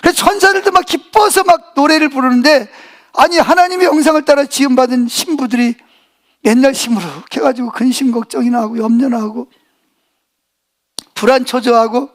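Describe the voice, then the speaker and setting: A man's voice: very high-pitched, normal speed. A middle-aged male pastor preaching a sermon, folksy and joking, who keeps asking the congregation questions and having them answer back.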